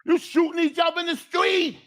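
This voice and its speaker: A man's voice: very high voice, fairly even intonation, fairly quick, fairly bright tone. A man hosting a call-in show, talking in an emphatic, fired-up rant with frequent restarts. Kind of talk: casual chat.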